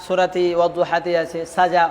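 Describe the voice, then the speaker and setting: Brisk and monotone, a man with a high but darkish-toned voice teaches Quran recitation rules in a classroom that sounds like a big room. He questions his students, restates their answers, and drills them by stretching syllables.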